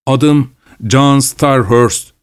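A man narrating a story voices a calm, steadfast older male missionary who speaks earnestly and prays aloud. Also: medium pitch, moderate pace, pitched above the performer's own voice, lightly acted. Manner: earnest, pleading.

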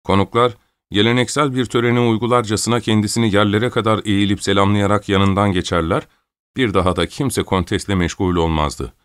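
A man narrating an audiobook in a steady, measured storytelling manner. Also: lowish voice, clear, resonant tone, dry recording. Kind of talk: audiobook reading.

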